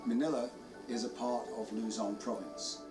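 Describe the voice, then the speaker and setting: A man with a medium-pitched voice gives a halting situation briefing. He sounds distant and roomy, with music behind him. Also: steady tone.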